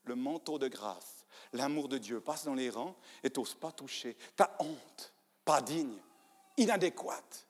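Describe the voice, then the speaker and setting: A man preaching a sermon in a church, animated, acting out people's inner voices and swinging from hushed to loud. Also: mid-range voice, slow pace. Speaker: pastor. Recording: church hall reverb.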